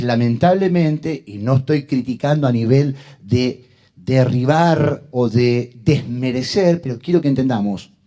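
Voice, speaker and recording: A man's voice: medium pitch, dark tone. A man, preaching a sermon as pastor and joking with and addressing the congregation.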